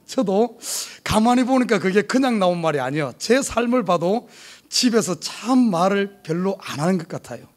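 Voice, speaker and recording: In a church sanctuary, a middle-aged South Korean pastor with a Gyeongsang accent tells a humorous personal story during his sermon. He's lively and animated, speaking at a normal speed in a voice that sits high.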